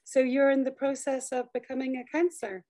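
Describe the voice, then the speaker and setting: A woman hosting a conversational interview, with a slightly croaky voice tired from teaching. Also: high-pitched, level tone, a little fast, mellow. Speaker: podcast host and interviewer.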